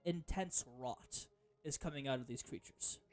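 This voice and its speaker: A man's voice: mid-range voice, measured pace, faint music behind. A man narrating as game master of a tabletop game, rambling with many fillers and self-corrections.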